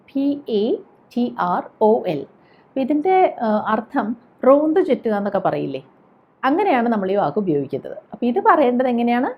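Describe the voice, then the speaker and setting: A woman from Kerala teaching English pronunciation, who repeats each example word slowly and carefully. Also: fairly high pitch, dull audio. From Kerala, India. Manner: slow, careful repetition of example words. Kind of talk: pronunciation lesson.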